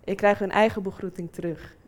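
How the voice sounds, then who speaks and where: A woman's voice: mid-range voice, brisk. A woman in her twenties telling a personal story and acting out the people in it. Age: 20s. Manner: lively, acts out quoted voices.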